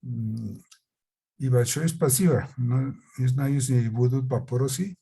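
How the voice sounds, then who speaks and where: A man with a foreign accent giving an academic presentation in a language that is not his native one, haltingly and searching for words. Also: medium pitch, creaky, mellow, husky. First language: not Russian. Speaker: conference presenter.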